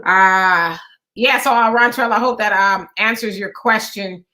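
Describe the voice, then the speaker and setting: A woman's voice: medium pitch, unhurried, bright, forceful tone. A woman co-hosting a casual political talk show, chatty and meandering with lots of fillers. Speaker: co-host.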